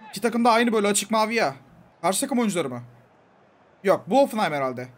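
A young man giving casual, excitable commentary over a football video game, pleading with the coach and yelling at the referee. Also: high-pitched, quick pace. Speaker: gaming YouTuber. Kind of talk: live gameplay commentary.

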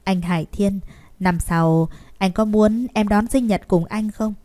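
A woman's voice: mid-range voice, a little slow, warm tone, close to an everyday voice. A woman voicing a young woman who pleads tearfully with the man she loves in a storybook reading. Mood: tender. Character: young woman pleading with her sick love.

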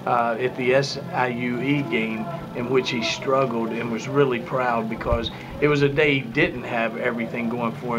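A middle-aged man, a head baseball coach, answering questions at a postgame press conference in a measured way with many fillers. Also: medium pitch, noisy background. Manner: measured, thinking aloud with fillers. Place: press room before a sponsor backdrop.

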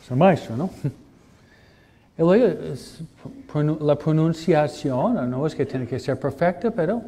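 Older priest with a dark, mellow voice. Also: male voice, on the high side, lively intonation, a little hiss or hum. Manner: halting, repeats words, asks "¿no?" often. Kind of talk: informal sermon talk.

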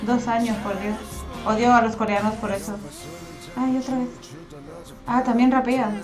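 A woman's voice: fairly high pitch, normal speed. Gushing young woman reacting. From Spain. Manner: gushing, excitable, repeats herself. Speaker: dance-cover group member. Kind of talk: music video reaction. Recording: faint music behind the voice.

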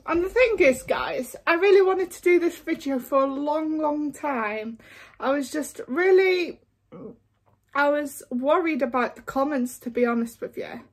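High-voiced chatty woman, going hoarse. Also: unhurried. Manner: chatty and frank, with many fillers. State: losing her voice. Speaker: beauty vlogger. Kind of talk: casual makeup tutorial chat.

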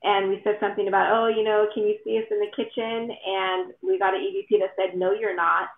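A woman telling a relaxed anecdote during a casual video chat. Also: mid-range voice, quick pace. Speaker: paranormal investigator guest. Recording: tinny echoey call audio.

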